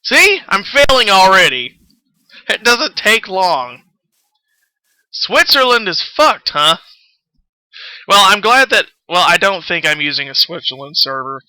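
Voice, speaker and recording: A male streamer hosting a game livestream chats as he plays, rambling on with curses and self-deprecating jokes. He speaks unhurriedly with frequent pauses in a high, sing-song, bright and forceful voice, recorded without room sound but at low quality.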